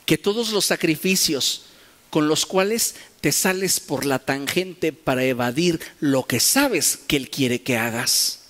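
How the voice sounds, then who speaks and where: A male preacher with a fairly high voice delivers an emphatic sermon. He keeps asking his listeners pointed questions and acts out both sides of imagined conversations. His voice rings through a church hall with a long reverb. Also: animated, takes it slowly, fairly bright tone. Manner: emphatic preaching, rhetorical questions, acted-out dialogue.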